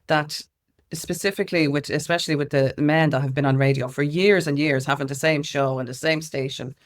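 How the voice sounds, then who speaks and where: Her brisk, low-pitched voice holds a steady tone as she answers interview questions casually but forcefully. An Irish woman who is a music consultant and campaigner, she tells animated anecdotes and imitates what others said.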